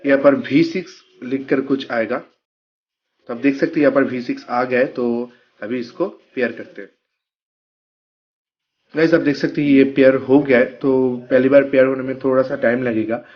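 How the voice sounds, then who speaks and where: Speaking at a moderate pace in a steady, mid-range voice, a man gives a casual, hands-on product tutorial, explaining each step and often using check-in words. He's a product reviewer vlogger, and the recording sounds muffled.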